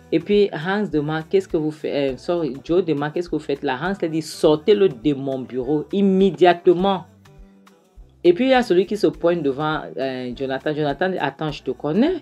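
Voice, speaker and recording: A woman retelling a film scene by scene for viewers, lively, with chatty asides. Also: sits low. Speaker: film recap host. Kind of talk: animated film recap.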